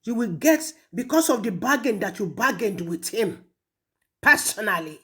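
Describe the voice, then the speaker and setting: A Nigerian-accented woman with a mid-range, fairly bright voice confronts an absent person, scolding and jeering with strong emphasis. Her intonation is lively, her speed normal, and she moves between two languages.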